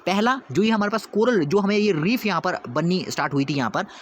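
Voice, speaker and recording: A man teaches at a quick clip, constantly asking his own questions and answering them. His voice sits a little high. Faint background noise runs under the recording. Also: animated. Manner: repeats 'theek hai?' to check understanding. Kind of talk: whiteboard lesson.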